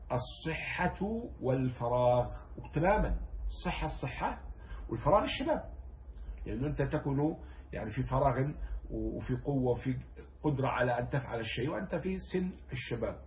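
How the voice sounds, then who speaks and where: Man, poetry teacher, rapid and animated, muffled lo-fi recording. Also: mid-range voice. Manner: animated, rising loud when stressing a point; quotes verses slowly and gravely, then explains in dialect. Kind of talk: explaining classical poetry line by line. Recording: dull lo-fi sound.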